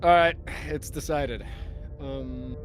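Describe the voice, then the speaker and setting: Man, guest voice actor, casual livestream chat, average pitch, faint music. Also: takes it slowly.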